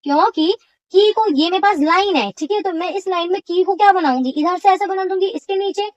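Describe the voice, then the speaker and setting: A woman's voice: very high-pitched, brisk, highs cut off. A woman teacher explaining a shorthand lesson step by step, often checking whether her students follow.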